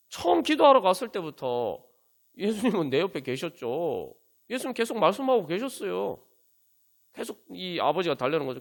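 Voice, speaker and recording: A man's voice: high-pitched, creaky. A man pastor preaching at a Friday prayer meeting in church, asking many rhetorical questions and using frequent fillers.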